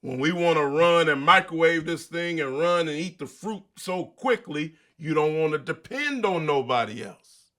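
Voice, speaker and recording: Bright, emphatic motivational man. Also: fairly high pitch, animated, normal speed. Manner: preachy, emphatic, colloquial, with rhetorical questions. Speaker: show host. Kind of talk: motivational monologue.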